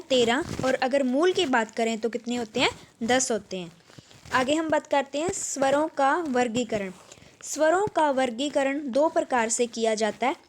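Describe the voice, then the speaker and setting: High-voiced Punjabi woman teaching. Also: slight background noise. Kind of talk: exam-prep grammar lesson.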